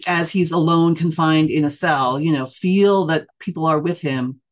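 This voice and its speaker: A woman's voice: deep voice, normal speed. A middle-aged woman from the United States, talking through an interview in a thoughtful way, full of fillers and self-corrections. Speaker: church member and news editor being interviewed. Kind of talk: casual conversational interview.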